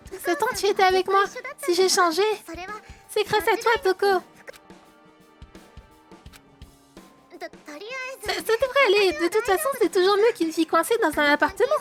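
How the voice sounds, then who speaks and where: A woman's voice: very high-pitched, brisk, music in the background. A woman with a French accent voicing a timid but resolute teenage girl, reading game dialogue aloud on stream. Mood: gentle. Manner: sincere, soft-spoken and resolute. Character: timid, earnest teen girl finding her courage.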